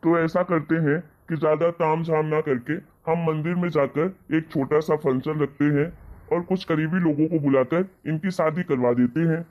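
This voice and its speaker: A man's voice: fairly high pitch, fairly even intonation, normal speed, dull audio, close to an everyday voice. A man voicing an authoritative middle-aged father in a cartoon story, firm and commanding. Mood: polite. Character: middle-aged father, authoritative, short-tempered head of house.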